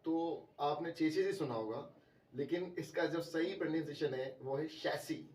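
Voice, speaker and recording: A man with a slightly high voice teaches English pronunciation, slow and deliberate, saying each word again and again. He stands back from the mic in an echoey room. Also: a little mellow, recorded from a distance. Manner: slow, deliberate, repeats words for emphasis. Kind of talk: spoken language lesson.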